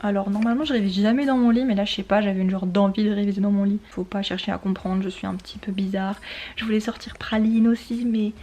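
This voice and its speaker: A woman in her twenties chatting casually to her camera at home, rambling with quick asides. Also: mid-range voice, steady tone, warm tone, a little hiss or hum. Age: 20s. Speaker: vlogger. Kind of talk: casual vlog chat to camera. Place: indoors at home, bedroom. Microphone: handheld compact camera.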